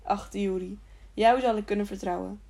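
A woman's voice: medium pitch, fairly even intonation, moderate pace, creaky, mellow. A mysterious old man in a hooded robe speaks in an urgent, pleading way, as a woman reads him. He is an elderly storybook figure who presses for haste.

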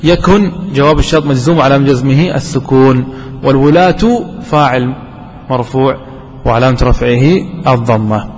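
A man teaching a classroom grammar lesson, quizzing his students and repeating examples slowly. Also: mid-range voice. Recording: long hall reverb, faint background noise.

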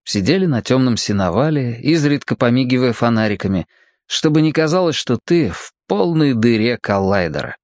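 A man narrating a children's story aloud with an expressive, vivid reading. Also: medium pitch, normal speed, dry recording, clean studio sound. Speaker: audiobook narrator.

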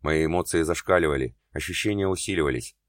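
A man's voice: rumbling low, quick pace, no echo, studio quality. A man voicing an adult man who is hurt and jealous but still loves his partner, speaking bitterly and pleadingly in an audiobook. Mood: tender.

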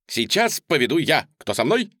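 A man voicing an excitable, mischievous boy who teases his friends in an audiobook. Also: on the high side, normal speed, no echo, clean studio sound, voice pushed up. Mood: excited. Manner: eager, teasing.

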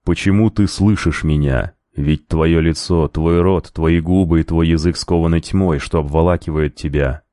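A male narrator voicing an unseen male spirit who speaks in a slow, solemn, insistent bass. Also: steady tone, dark tone, no room sound, studio quality. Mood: instructive. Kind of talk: audiobook character voice.

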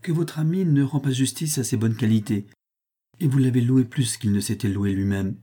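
A man's voice: mid-range voice, moderate pace, mellow, husky, natural voice. A man reading an audiobook and voicing a witty, composed young woman. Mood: wry.

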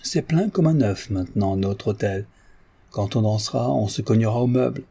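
Guy reading an audiobook doing a chatty young woman, teasing, a bit husky and dark. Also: on the low side, normal speed. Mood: playful.

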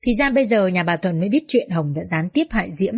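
A woman narrating a social drama story as an audiobook reader in a steady storytelling manner. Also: lowish voice, brisk, slightly rough, dry recording, clean studio sound.

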